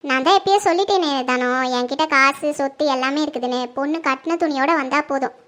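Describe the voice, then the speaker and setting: A performer in a home-made family skit, playing a kind, wealthy middle-aged mother who talks calmly to her neighbor. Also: high-pitched, quick pace. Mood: gracious, calm. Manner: calm, gracious and reassuring.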